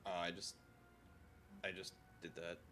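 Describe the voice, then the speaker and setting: Low-voiced man playing a tabletop game. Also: level tone, measured pace, pushed and bright, faint music behind. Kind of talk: casual in-game chat.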